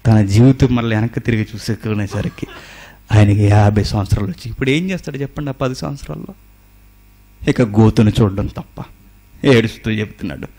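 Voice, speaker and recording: A man preaching with force and fires question after question at his congregation. His voice sits at an ordinary middle pitch. He rises to loud outbursts, then drops low to tell a story. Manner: emphatic, with rhetorical questions to listeners; swings between loud exclamation and quiet storytelling. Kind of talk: sermon.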